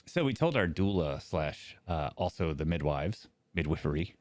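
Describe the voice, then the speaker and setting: A man's voice: extremely low pitch, very animated, moderate pace, no echo. A man with a slight lisp co-hosting a casual chat show, rambling and joking. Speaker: co-host.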